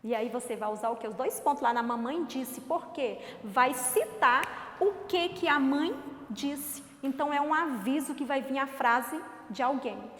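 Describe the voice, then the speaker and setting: A woman teacher giving a lively, expressive lesson to children. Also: high-pitched, unhurried. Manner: lively, exaggerated expressive intonation. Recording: echoey reverberant room.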